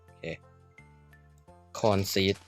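Over soft background music, a young gaming YouTuber talks slowly and casually while playing Minecraft for a let's-play. He jokes at his own expense and lets out sudden exclamations.

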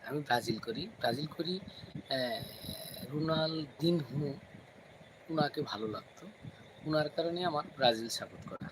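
Live-stream host, male, talks low and chatty to viewers, noisy home mic. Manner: talks softly, kids asleep nearby; chatty, addresses viewers by name. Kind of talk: casual live-stream chat. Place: home at night. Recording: noisy home recording, fan hum.

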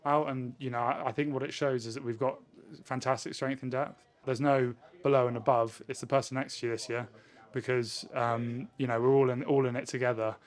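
Speaking into a handheld microphone at chest height, a rugby winger in his twenties gives measured answers in a post-match interview. His mid-range voice keeps a level tone, and he's indoors in front of a sponsor backdrop.

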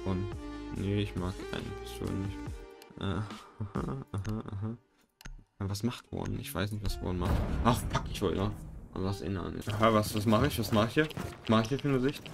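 A young man giving casual gameplay commentary, excitable and self-mocking, often swearing. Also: fairly low pitch, brisk, creaky. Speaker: gaming YouTuber. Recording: game music and gunfire behind. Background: game music and gunfire.

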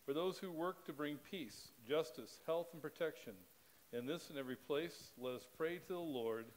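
Standing at the pulpit in a church sanctuary, a middle-aged pastor reads the liturgy into a microphone in a steady, evenly paced, measured way. His voice leans high, and the recording quality is low.

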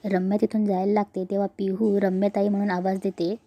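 A woman's voice: mid-range voice, level tone, brisk, warm tone, no echo. A woman retelling a TV serial episode in plain storytelling, voicing the dialogue herself. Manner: plain storytelling, quotes dialogue in her own voice. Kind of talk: retelling a TV serial episode, reading all parts.

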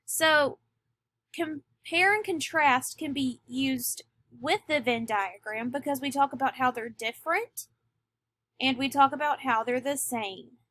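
A woman teacher giving a recorded lesson, speaking deliberately and stressing key words. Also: sits high, a bit bright, no room sound. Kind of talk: recorded classroom lecture.

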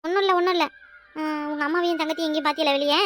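A fretful, complaining cartoon village wife, voiced by a woman. Her voice is extremely high and fast, with a southern Tamil Kanyakumari accent. She laments and grumbles as she talks. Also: steady tone, fairly bright tone, a little hiss or hum. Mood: lamenting. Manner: complaining, lamenting, exclaims to herself. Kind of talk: cartoon voice acting.

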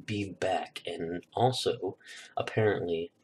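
A young YouTuber relaxes into a rambling holiday story on his vlog, packed with fillers and recorded on a new desk microphone. His voice is low and slow, with a little hiss or hum.

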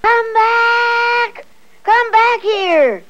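A woman's voice: on the high side, sing-song, slow, lo-fi sound, voice pushed up, exaggerated voice. A woman voicing an upset little shepherd boy who pleads with his friends. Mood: shouting. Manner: pleading, frustrated.

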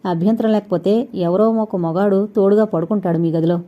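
A woman voicing a calm, level-headed man who is investigating, in a plain, matter-of-fact way. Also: medium pitch, normal speed, lo-fi sound, natural voice.

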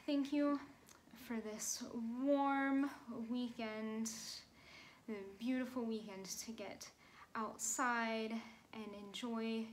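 A young woman in her twenties gives a children's sermon from a small bedroom, speaking gently and playfully as if to kids. Her voice sits a little high, and a faint hum of room noise runs under the phone recording. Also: poor audio.

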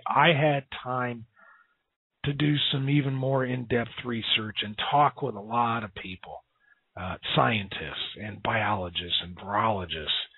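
A man hosting a call-in radio talk show, emphatic and excitable, losing his voice and sounding hoarse. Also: medium pitch, no echo. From US Gulf coast. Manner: excited, emphatic, with many fillers. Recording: dry tinny phone-like line.

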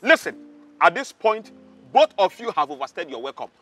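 An actor with a Nigerian accent playing a pompous, hot-tempered palace guard who is loud and scornful. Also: male voice, high voice, big pitch swings, moderate pace, soft background music, full character voice. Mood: angry scornful.

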